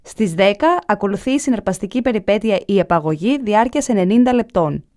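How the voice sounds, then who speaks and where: Woman, TV announcer, scripted broadcast announcement, formal, measured. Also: medium pitch, expressive, warm tone. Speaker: television announcer.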